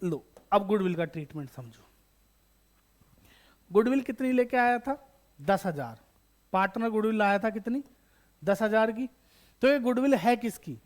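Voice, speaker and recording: A male teacher walks students through an exam topic in a fairly high voice. He talks to them directly and fondly, poses a question, then supplies the answer himself, and repeats the key terms so they stick. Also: animated, unhurried, long pauses. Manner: calls students beta, bachche, addresses viewers directly. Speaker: accountancy teacher. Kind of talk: online exam-prep lesson.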